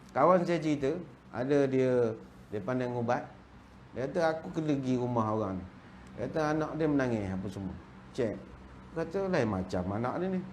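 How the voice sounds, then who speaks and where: A middle-aged Malaysian man with a Malaysian Malay accent, giving a humorous religious lecture in a jokey, animated storytelling way. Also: sits high, a little hiss or hum. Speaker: religious teacher.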